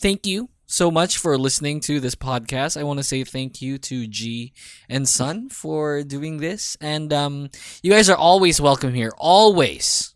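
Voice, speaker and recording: A Filipino-accented man hosts a loose podcast chat. His pitch swings widely as he rants, cursing and laughing. The sound is close and dry, with no room around it. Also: lively intonation, a little slow, no echo. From Philippines. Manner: swears freely, switches into Tagalog, laughs often. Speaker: podcast host.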